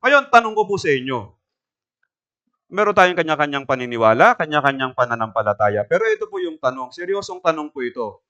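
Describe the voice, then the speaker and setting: A man's voice: on the high side, sing-song, fairly quick, pushed and bright, clear, resonant tone, muffled recording. A man preaching a sermon in a church, asking the congregation questions and telling a homely story. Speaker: pastor.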